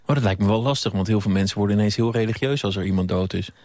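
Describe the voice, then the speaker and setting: A man hosting a radio interview, asking probing, quick questions. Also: fairly low pitch, a little mellow, no room sound, clean studio sound. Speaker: radio host.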